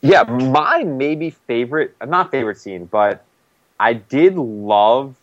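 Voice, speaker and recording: A man chats casually about a TV episode, his pitch swinging up and down as he rambles with plenty of fillers. The recording is dry and a bit dull, with little room sound. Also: lively intonation, takes it slowly, no echo. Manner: loose and rambling, many "like" fillers. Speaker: podcast co-host. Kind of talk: casual TV recap chat.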